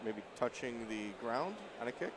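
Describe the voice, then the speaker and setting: A man commentates a fight live, calling the action in a medium-pitched voice. Clear venue noise sits behind him. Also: lively intonation, moderate pace. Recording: noisy venue background.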